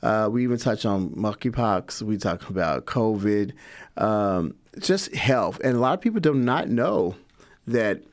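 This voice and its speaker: A middle-aged man, a guest in an interview, answering in a relaxed, rambling way with many fillers. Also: fairly low pitch, a little slow. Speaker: guest, community organizer.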